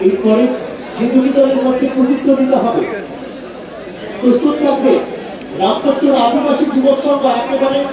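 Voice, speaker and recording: A man gives football commentary in a very high voice. He sounds far off and heavily echoing, like a dull public-address feed, with a crowd around. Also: fairly even intonation, normal speed, pauses often. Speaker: match announcer and commentator. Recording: dull, very echoey distant loudspeaker, crowd noise.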